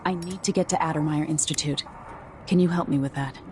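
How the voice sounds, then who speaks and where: Actress as low-voiced, wary female outlaw. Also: steady tone, a little fast, darkish tone, slight background noise, lightly acted. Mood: wary, questioning. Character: guarded woman outlaw protagonist, cool and wary. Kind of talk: video game character dialogue.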